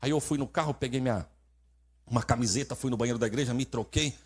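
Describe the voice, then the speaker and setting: A man with a Brazilian accent preaching as a traveling pastor. He tells funny stories in an animated way and acts out the dialogue in different voices. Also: medium pitch, fast, husky. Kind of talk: humorous storytelling sermon.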